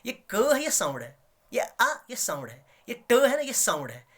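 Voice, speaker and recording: A man's voice: very high voice, wildly swooping pitch, fairly bright tone. A man with a Kashmiri accent teaching English letters and sounds in a classroom-style lesson, repeating key words and pushing hard on his examples. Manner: explains slowly, repeats key words, rises emphatically on examples.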